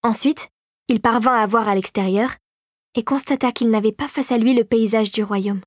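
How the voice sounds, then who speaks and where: A woman narrating a storybook in a measured, even manner, reading from a script. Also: on the high side, no echo, clean studio sound. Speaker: audiobook narrator.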